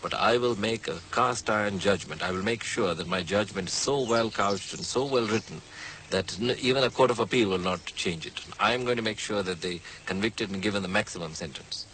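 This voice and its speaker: A man's voice: lowish voice, a little fast, pushed and bright, slight background noise, low-quality recording. A man recalling events in an interview, hesitant with many fillers yet emphatic. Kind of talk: interview recollection.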